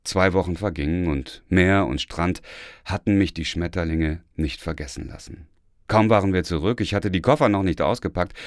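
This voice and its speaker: A man reading a first-person memoir as an audiobook, telling it in a lively storytelling manner. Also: deep voice, dry recording, studio quality. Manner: lively, storytelling with acted dialogue. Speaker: audiobook reader.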